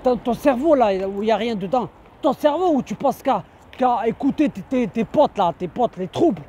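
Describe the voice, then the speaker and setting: A man lectures his listeners in a very high, strained voice. He shouts and hammers the same phrases over and over. Soft urban traffic murmurs in the background. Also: animated, moderate pace. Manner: insistent, repeats phrases over and over; shouting indignantly. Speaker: online preacher. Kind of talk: ranting religious reminder.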